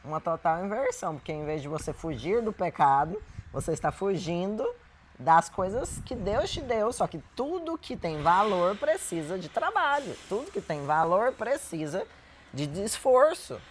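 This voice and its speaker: A Brazilian woman with a fairly low voice talks in an earnest, explanatory way as a co-host. Her intonation is very lively, rising and falling through each sentence. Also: normal speed, a little hiss or hum. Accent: Brazilian Portuguese. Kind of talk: reflective advice talk.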